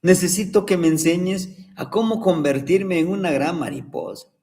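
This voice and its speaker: A man's voice: high voice, moderate pace, dark tone. A man voicing a young brave caterpillar who pleads to become a butterfly. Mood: pleading. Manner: earnest, pleading storybook voice.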